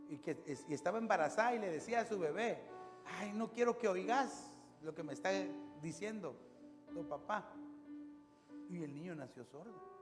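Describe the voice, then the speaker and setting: Male pastor, high voice, storytelling sermon, reverberant room with music behind. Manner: storytelling, conversational, lively rises and drops.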